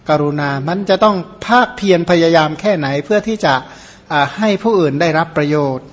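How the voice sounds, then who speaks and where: Conversational Buddhist monk, slightly high voice. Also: male voice. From Surin, Thailand. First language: Khmer. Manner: conversational, rhetorical questions, folksy asides. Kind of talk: Dharma sermon.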